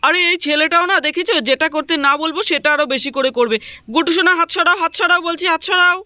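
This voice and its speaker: A woman's voice: very high-pitched, fast talker, bright, forceful tone, no room sound, voice pushed up. A woman voicing a fussy young village husband in a doll story, chattering to himself and complaining. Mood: scolding.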